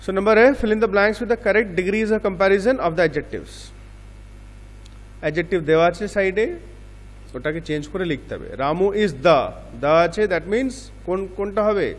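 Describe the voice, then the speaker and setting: A man's voice: high-pitched, a little slow, big-room sound. A male English teacher with a Bengali accent explains grammar, asking questions and answering them himself. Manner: explains in Bengali mixed with English examples, asks and answers his own questions. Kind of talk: grammar lesson.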